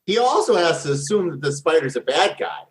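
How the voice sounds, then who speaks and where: Lively, higher-pitched male tabletop gamer. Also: fairly quick, breathy edge. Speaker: player in a tabletop game. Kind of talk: casual table chat.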